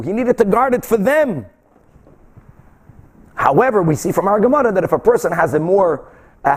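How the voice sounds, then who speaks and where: High-pitched man teaching Talmud. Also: darkish tone, slightly rough. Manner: emphatic, asks and answers own rhetorical questions. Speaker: religious teacher giving a Talmud class. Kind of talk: explanatory lecture, translating and commenting line by line.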